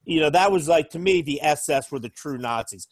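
A man's voice: on the high side, fairly quick, dry recording. An American man co-hosting a casual podcast chat who rambles and says "you know" a lot. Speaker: podcast co-host.

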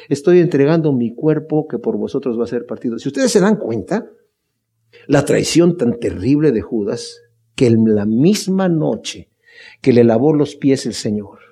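A male pastor delivers a sermon in a mellow, fairly high voice. He speaks earnestly and with emphasis, pressing his point with rhetorical questions. He addresses his congregation fondly. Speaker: pastor leading a Bible study.

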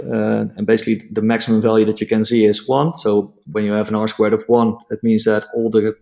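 Appearing as an interview guest, a Dutchman from the Netherlands explains a technical topic in his Dutch-accented English, his native tongue being Dutch. He stumbles through it with lots of fillers and restarts, in a lowish, creaky, slightly mellow voice.

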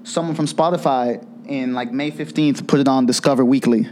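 A man's voice: mid-range voice, moderate pace, warm tone, a little hiss or hum. A young man, a DJ and producer, answering interview questions casually and eagerly. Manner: casual and eager, lots of fillers. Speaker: DJ and producer guest. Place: office space during an event.

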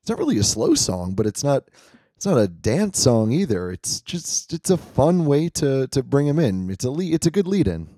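A man's voice: medium pitch, very animated, moderate pace, warm tone, no echo, clean studio sound. A man co-hosting a podcast in casual chat, agreeable and easygoing. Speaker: podcast co-host.

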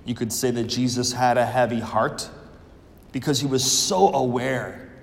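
A man speaking as a priest at church, solemn and measured with deliberate pauses, his voice in a long cathedral echo. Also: mid-range voice, steady tone, gravelly. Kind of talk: Gospel reading and homily. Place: large church, indoors. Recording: echoey church with long reverb.

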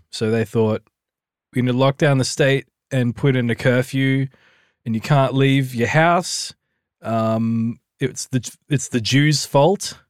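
A man chats as a podcast co-host in a natural, unscripted way. He rambles and jokes in a medium-pitched voice. The sound is dry, with very little room. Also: clean tone, no room sound. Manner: joking, rambling. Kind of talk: natural unscripted casual banter.

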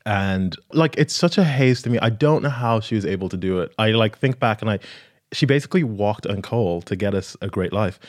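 A man's voice: on the low side, expressive, fairly quick. A man in his thirties, an interview guest telling personal stories informally, often acting out quoted speech. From Ireland, raised in Kerry and Mullingar from age ten. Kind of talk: casual personal storytelling.

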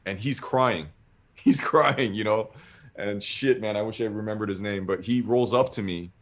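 Here a fairly low-voiced man speaks at a moderate pace, wandering through a long, casual anecdote. It's profane and lively, with him impersonating what people said.

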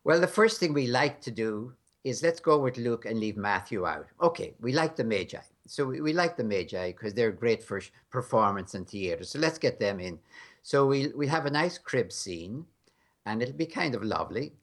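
An American guest scholar speaks in a conversational interview, his medium-pitched voice lively in intonation and moderate in pace. He's frank and emphatic, with a wry edge.

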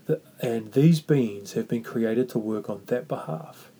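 A man with a New Zealand Māori accent hosting a reflective faith talk, speaking earnestly and haltingly with repeated phrases. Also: medium pitch, creaky, warm tone, husky. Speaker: podcast host.

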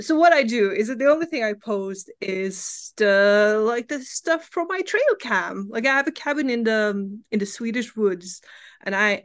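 In a candid interview, a Norwegian woman who is a guest comics writer chats in a medium-pitched voice with a Norwegian accent. She laughs easily and swears casually.

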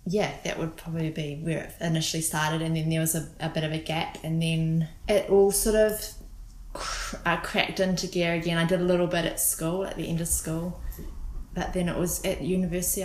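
A woman with a New Zealand accent, talking casually in an interview, relaxed and hesitant with many ums and restarts. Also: low-pitched, brisk, echoey room, a little hiss or hum, low-quality recording. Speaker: guest photographer.

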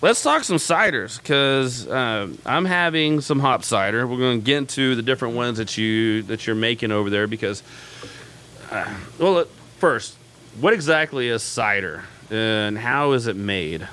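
A man's voice: mid-range voice, expressive, normal speed, bright, forceful tone, a little hiss or hum. A man hosting a casual live radio show from a pub, chatty and self-mocking, with lots of fillers.

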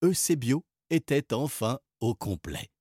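Husky male narrator for a children's storybook; animated, expressive delivery, dry recording. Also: mid-range voice, a little slow, no room sound. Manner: lively, expressive reading. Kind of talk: storybook reading.

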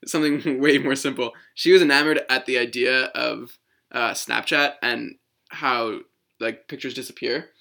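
A young man co-hosts a relaxed podcast and tells stories as he goes. His voice is bright and forward, and he wanders through his sentences with loose, restarting phrasing. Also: medium pitch, moderate pace, gravelly. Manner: rambling, lots of fillers and restarts. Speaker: podcast co-host. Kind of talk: casual chat.

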